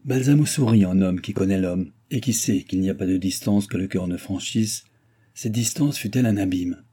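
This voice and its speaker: A man narrating a classic novel as an audiobook reader, measured and even. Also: sits low, husky.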